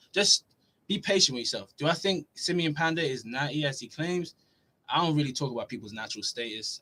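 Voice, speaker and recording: A young Norwegian-born man who streams fitness content hosts a casual livestream Q&A, reading live chat questions aloud before answering them. His first language is Norwegian, and his mid-pitched voice comes across as relaxed and chatty.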